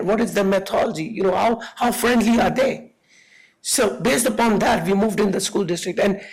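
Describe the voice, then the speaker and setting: A man speaks at a public meeting in a high, strained voice, hoarse and raspy to the edge of a whisper. His delivery is earnest and halting, with repeated words as he makes his case as a parent. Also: rough recording. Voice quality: hoarse, raspy, breathy voice from having lost it. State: voice lost from allergies, hoarse and whispery. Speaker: parent giving public comment. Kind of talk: informal public comment at a board meeting.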